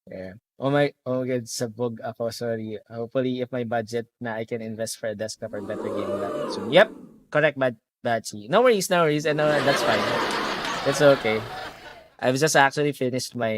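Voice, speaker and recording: A man's voice: medium pitch, brisk, heavy background noise. A young man with a Filipino accent, chatting casually on a live stream and reading out viewer comments. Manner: chatty, reads viewer comments aloud, mixes in Tagalog. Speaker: game streamer.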